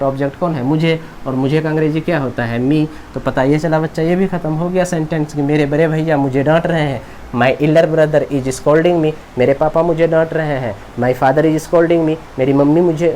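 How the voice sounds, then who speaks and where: Male teacher going over sentences slowly, quizzes then answers himself, faint hiss behind. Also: fairly high pitch, a little mellow. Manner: asks students questions and answers them himself; slow, repetitive drilling of example sentences. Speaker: English grammar teacher. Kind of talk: classroom lecture.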